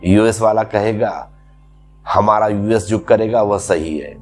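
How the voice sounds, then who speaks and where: A man's voice: lowish voice, slow, a little mellow, faint music behind. A man giving a spiritual discourse as a teacher, explaining patiently through repeated everyday examples.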